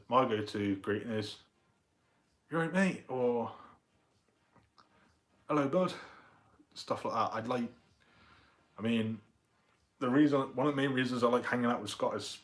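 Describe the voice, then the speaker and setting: A man's voice: fairly low pitch, fairly bright tone. A young man with a Southern English accent, chatting loosely and rambling with his viewers on a live stream. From England. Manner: rambling, loose, with many fillers. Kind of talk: casual live-stream chat.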